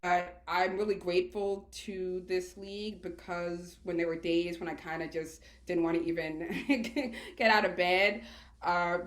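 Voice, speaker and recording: A woman's voice: lowish voice, steady tone, a little slow, a bit bright. A woman, talking casually and chattily as a guest in an interview. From Queens, New York, United States. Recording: roomy, echoey sound.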